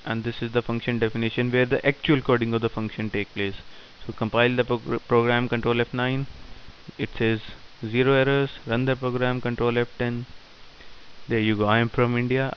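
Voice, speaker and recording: A man teaching programming in a screen-recorded tutorial, dictating code in short halting phrases. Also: mid-range voice. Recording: dull lo-fi sound with faint hiss.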